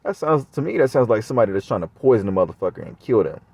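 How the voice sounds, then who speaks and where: Low-voiced man, profane rambling vlog. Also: sing-song, very fast, darkish tone, slightly rough, no room sound. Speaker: vlogger. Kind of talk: casual monologue to camera.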